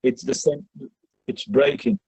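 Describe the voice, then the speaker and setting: A man's voice: a little mellow, dry recording. A man, a rabbi, teaching a class over a choppy group video call and repeating himself as the connection cuts out. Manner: halting, repeats himself while the line breaks up. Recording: muffled lo-fi internet call audio.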